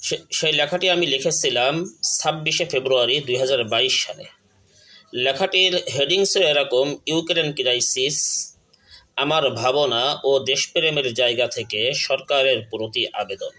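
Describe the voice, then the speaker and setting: Speaking directly to viewers at a moderate pace, a man with a medium-pitched, bright, forceful voice delivers earnest political commentary for an online channel. Restarts and stammered words crop up, he emphasizes each listed example, and the audio quality is low.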